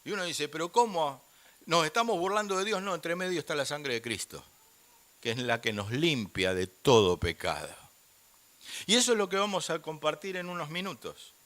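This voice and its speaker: An older man with an Argentine accent preaching a sermon in church, swinging from loud emphasis down to near-whispers. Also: a little high, very animated, moderate pace. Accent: Argentine Spanish. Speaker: guest preacher.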